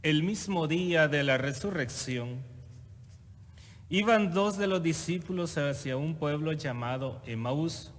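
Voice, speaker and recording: A man proclaiming scripture as a priest at Mass, solemn, measured and formal, in a cathedral echo. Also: a little high. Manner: measured, formal delivery in phrases. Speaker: priest reading the Gospel at Mass. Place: large reverberant church. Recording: cathedral echo, long reverb, faint background noise.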